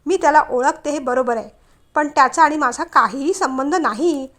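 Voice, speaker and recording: A woman voicing a flustered but spirited young woman who turns sharp and scolding. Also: high-pitched, moderate pace. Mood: indignant.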